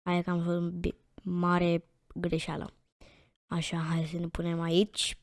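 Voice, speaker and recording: A woman hosting a gaming channel, chatting casually to viewers while she plays and repeating words in quick excited bursts. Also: lowish voice, no echo, clean studio sound. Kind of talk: casual let's-play commentary.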